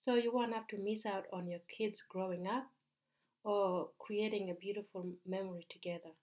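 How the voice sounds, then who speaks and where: A woman in her thirties from Uganda with a Ugandan accent, earnestly pitching a home business straight to camera with small slips and restarts. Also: steady tone, moderate pace, muffled recording. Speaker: business mentor. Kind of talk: direct-to-camera sales pitch. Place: bright indoor room.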